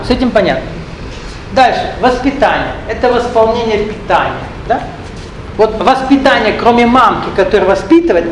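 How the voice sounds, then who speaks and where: In an echoey hall with a faint background hum, a high-voiced man teaches spiritual matters to an audience. He is Russian-speaking, not Ukrainian, and his lecture drifts from point to point with side jokes and questions put to those present.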